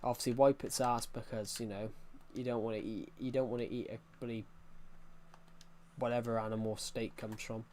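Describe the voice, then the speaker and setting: A man's voice: mid-range voice, level tone, normal speed, darkish tone, slight background noise. A man in his early twenties chatting casually on a game livestream, rambling and reacting to chat messages. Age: early 20s.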